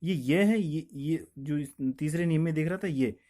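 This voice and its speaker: Hindi teacher asking and answering himself. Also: male voice, a little high, moderate pace, dark tone. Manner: repeats each point, asks then answers his own questions. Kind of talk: classroom explanation with questions and answers.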